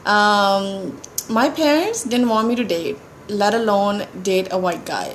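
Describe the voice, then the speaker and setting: A woman's voice: mid-range voice, slow, a little hiss or hum. A young woman from India, chatting casually with her husband and teasing him. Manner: chatty, teasing, laughs often. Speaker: co-host of a couple's livestream. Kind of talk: casual chat.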